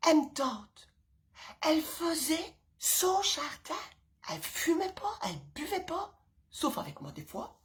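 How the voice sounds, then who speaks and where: A woman's voice: very high-pitched, very animated, slow. A middle-aged woman and mother chatting casually to her audience, rambling with many asides and fillers, often dropping to a whisper. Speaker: vlogger, mother of several children. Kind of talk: casual chatty monologue to camera.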